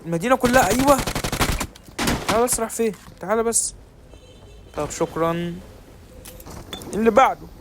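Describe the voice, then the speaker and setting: A young man with an Egyptian accent giving quick, joking commentary while playing a shooter game. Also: sits high, expressive, very noisy. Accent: Egyptian Arabic. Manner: quick, joking banter at enemies and teammates. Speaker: gaming creator. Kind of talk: live gaming commentary. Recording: game gunfire in background. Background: loud gunshots and clicks.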